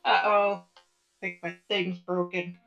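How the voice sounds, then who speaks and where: A woman's voice: fairly low pitch, level tone, slow pace, vocal fry, fairly bright tone, faint music behind. Woman with a robotic, metallic call voice. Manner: rambling, easygoing, trails off into fillers. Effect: robotic metallic voice-chat distortion. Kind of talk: casual chat on a live stream. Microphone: voice chat over a computer. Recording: dull lo-fi online call audio.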